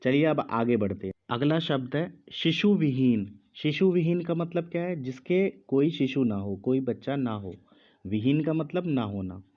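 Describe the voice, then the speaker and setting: Male teacher, slow measured dictation, muffled lo-fi sound. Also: mid-range voice, lively intonation. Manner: speaks slowly with pauses, repeats each word. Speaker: Hindi teacher.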